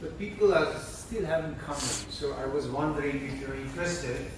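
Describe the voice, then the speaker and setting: A man's voice: on the high side, moderate pace, far from the mic. A man moderating a panel, informally inviting questions from the floor. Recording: echoey hall recorded from afar, noisy.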